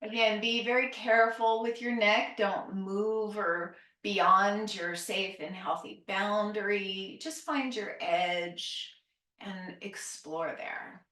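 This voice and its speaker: In a roomy, echoing space, a woman speaks at a slow pace, guiding a calm grounding exercise as a yoga teacher. Her instruction is gentle and encouraging, with softly trailing phrase endings. The microphone sounds set back from her. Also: mid-range voice, far from the mic.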